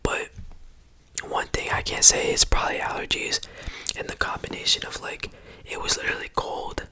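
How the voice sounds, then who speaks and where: This ASMR creator whispers right up against the microphone at a moderate pace, with a bright, forceful tone. The talk is loose, slangy, and repetitive, circling around with frequent "bro" and "you know."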